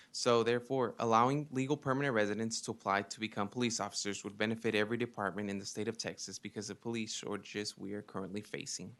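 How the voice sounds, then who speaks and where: A man's voice: on the low side, fairly bright tone. A young man in his twenties from Mexico, giving earnest prepared testimony to a legislative committee with frequent ums. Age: 20s. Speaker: witness testifying.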